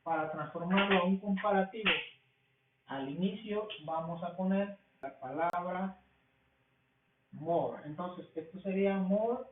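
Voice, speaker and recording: Slow-talking man teacher, tinny and echoey. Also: high-pitched, a little hiss or hum. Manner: asks questions and answers them himself. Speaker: English teacher. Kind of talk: slow classroom explanation. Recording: tinny, echoey, from far off the mic.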